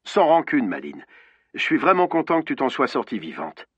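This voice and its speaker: A man's voice: medium pitch, wildly swooping pitch, moderate pace, fairly bright tone, breathy edge, no room sound, lo-fi sound, voice pushed up, exaggerated voice. A man voicing an eager, cheeky young male journalist on the phone.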